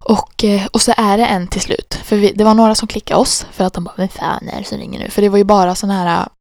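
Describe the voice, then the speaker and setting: A woman's voice: fairly even intonation, a little mellow, no room sound, clean studio sound. A woman in casual podcast chat, telling a story animatedly and acting out her own panic. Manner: acts out her own panic in high squeaky bursts.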